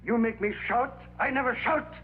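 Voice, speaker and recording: An actor playing a con man who poses as a temperamental hypnotist professor, with grandiose, deliberate delivery in a vintage crime drama. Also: fairly high pitch, lightly acted. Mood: indignant. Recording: tinny band-limited old TV soundtrack, humming noise.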